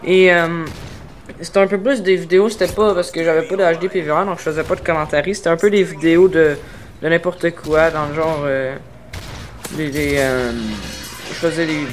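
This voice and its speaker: A man's voice: a little high, steady tone, normal speed, soft background music. A man from Quebec with a Québécois accent, introducing his gaming channel hesitantly, with many filler sounds, while trying to articulate carefully. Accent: Québécois French. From Quebec, Canada. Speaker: gaming YouTuber. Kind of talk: casual channel introduction over gameplay.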